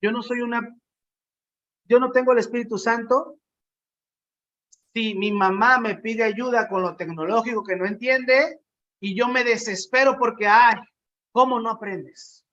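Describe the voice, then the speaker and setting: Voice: medium pitch, measured pace, pauses often, a bit bright, dull audio. A preacher giving a conversational sermon, asking the congregation questions and acting out quotes.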